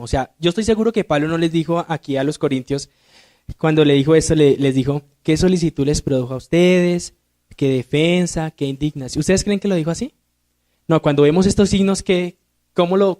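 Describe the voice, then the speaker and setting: A man's voice: on the high side, darkish tone. A man, a deacon, teaching a Sunday school grammar lesson, asking the class questions and answering them himself. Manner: reads verses aloud with rising emphasis. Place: church classroom.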